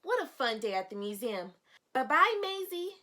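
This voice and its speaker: A teacher with a fairly high voice reads a picture book aloud to young children at a moderate pace. She is expressive, explains things in simple words, and often asks her listeners questions as she tells the story.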